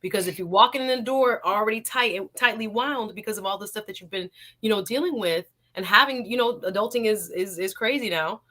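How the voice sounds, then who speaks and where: A woman's voice: medium pitch, brisk, sharp tone. A woman hosting a talk show, speaking reflectively and searching for her words. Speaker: host. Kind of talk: casual talk.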